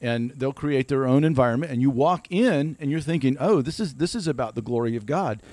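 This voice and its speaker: A man's voice: medium pitch, a little fast, darkish tone, dry recording. A man from Ohio, co-hosting a casual ministry podcast and talking earnestly, often repeating words while he builds a point. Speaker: podcast co-host.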